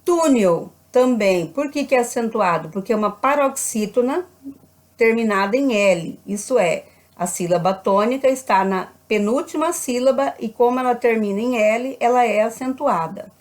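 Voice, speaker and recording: A woman's voice: a little high, animated, normal speed, darkish tone. A woman with a Brazilian Portuguese accent, a primary school teacher patiently explaining a grammar lesson, often checking in with "né?". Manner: patient, repeats with frequent "né?" checks.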